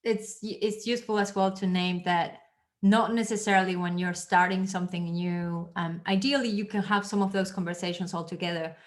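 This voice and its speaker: A woman's voice: fairly low pitch, steady tone, moderate pace. A woman trainer explaining ideas on a video call in a chatty, playful way with light asides. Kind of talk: casual explanation on a group call.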